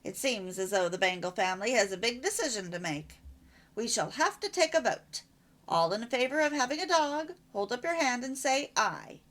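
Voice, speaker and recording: A woman's voice: on the high side, animated, moderate pace, fairly bright tone. A woman voicing a mock-solemn storybook father. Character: solemn, playful father at dinner.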